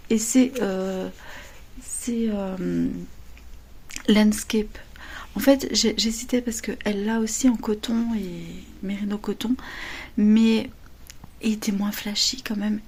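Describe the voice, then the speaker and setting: A middle-aged woman chatting casually to her viewers about knitting, speaking softly at home in a hushed half-whisper. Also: medium pitch, steady tone, slow pace, breathy edge. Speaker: knitting vlogger. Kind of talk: casual chat. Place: home, early morning.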